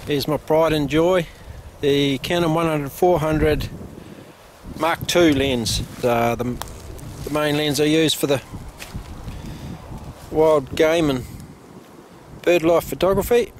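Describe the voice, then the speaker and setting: A middle-aged New man talks through his camera settings in a relaxed, plain-spoken way, his voice sitting a touch high. He is recorded outdoors on an on-camera mic, with wind buffeting clearly behind him. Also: slow pace, long pauses. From New Zealand. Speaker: photographer vlogger. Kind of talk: casual vlog narration. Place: outdoors by a lake and canals, windy. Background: wind noise.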